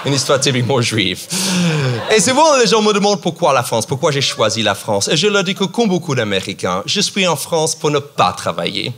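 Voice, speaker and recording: A man from New York doing a stand-up comedy set in French with an American accent, animated and mock-outraged, with sudden shouts and sing-song asides. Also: mid-range voice, fairly quick, background noise. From New York, USA. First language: English. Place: theater stage.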